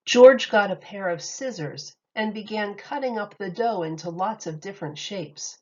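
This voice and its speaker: A woman teacher reads a children's picture book aloud with lively expression, her medium-pitched voice moving at a moderate pace. The recording sounds slightly muffled.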